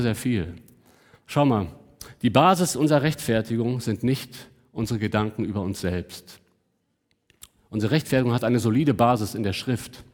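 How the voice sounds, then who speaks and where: A fairly high-voiced man delivers a sermon with emphasis, stretching out key words and letting his voice sink at the close of each point. His voice rings through a church hall with a long reverb. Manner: emphatic, slows down on key words, drops low at ends of points. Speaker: pastor.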